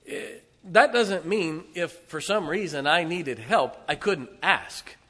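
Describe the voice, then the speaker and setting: A man preaching a sermon as pastor, emphatic and full of rhetorical questions to the congregation, his volume swinging between loud and soft. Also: a little high, expressive, takes it slowly. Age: 40s. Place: church sanctuary. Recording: long hall reverb.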